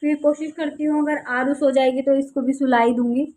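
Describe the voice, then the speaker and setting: A woman's voice: high voice, fairly even intonation, a little fast, a little mellow. A woman and mother chatting casually to her viewers in a family vlog, talking straight to the audience and sometimes scolding her child in exasperation. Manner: chatty, addresses viewers directly. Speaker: vlogger and mother.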